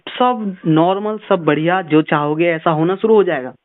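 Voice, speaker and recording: A man's voice: a little high, moderate pace. A man giving earnest, preachy motivational advice on a phone call, repeating words for emphasis. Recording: tinny phone line.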